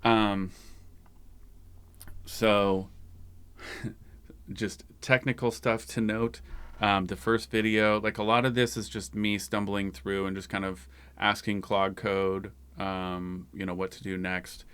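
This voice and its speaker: Low, smooth-voiced man explaining software. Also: level tone, unhurried. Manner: loose, rambling, conversational. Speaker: tech channel host. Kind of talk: casual screen-share tutorial.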